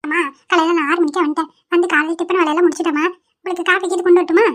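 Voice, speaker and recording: A chatty middle-aged cartoon housemaid, voiced by a woman, shrill and grumbling under her breath. Her voice is very high and her talk is quick. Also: fairly even intonation. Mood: fussing.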